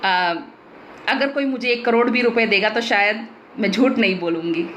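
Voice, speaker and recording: A woman's voice: mid-range voice, moderate pace, a bit bright, a little hiss or hum. An Indian woman pastor preaching a sermon in an emphatic, blunt way with teasing humor.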